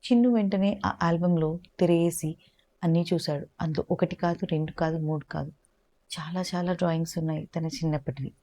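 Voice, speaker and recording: A woman telling a calm, gentle story for parents and ending with advice. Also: on the low side, fairly quick.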